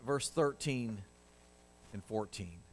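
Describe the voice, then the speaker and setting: A man's voice: lowish voice, expressive, slow, slight background noise. A man preaching a sermon in a church, conversational and emphatic, often asking the congregation questions. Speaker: pastor.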